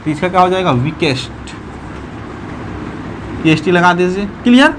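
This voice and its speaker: A man teaching an English grammar lesson, explaining step by step and repeating words slowly, syllable by syllable. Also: high voice, animated, fairly bright tone, a little hiss or hum.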